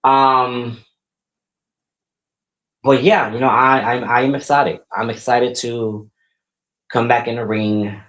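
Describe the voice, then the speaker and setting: In a muffled recording, a podcast host and wrestler in his 40s rambles through a casual solo episode in an upbeat way, frequently repeating his words. His medium-pitched voice is steady and fairly bright, delivered slowly with frequent pauses.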